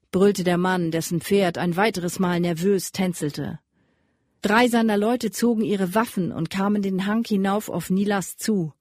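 Woman reading a storybook aloud, slow and measured, dry close sound. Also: medium pitch, darkish tone, dry recording. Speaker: audiobook narrator. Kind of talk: scripted storybook narration.

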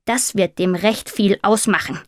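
A woman voicing a grumpy, know-it-all male raven who talks in a croaky, curt and sarcastic way. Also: mid-range voice, fairly even intonation, unhurried, darkish tone, no echo, studio quality, lightly acted. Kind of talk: audiobook character voice.

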